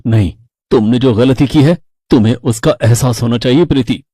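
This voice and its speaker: Brief: firm young husband, a man voicing him, husky and mellow, storybook. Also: medium pitch, normal speed, no echo, clean studio sound, natural voice. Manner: firm, reproachful. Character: stern young adult son and husband.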